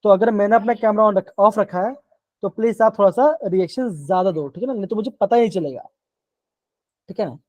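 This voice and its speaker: A man's voice: high-pitched, brisk, darkish tone, dry recording. Coaxing male chemistry teacher, dry sound. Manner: coaxing, keeps checking in with the class; repetitive, step-by-step explaining. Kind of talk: live online class lecture.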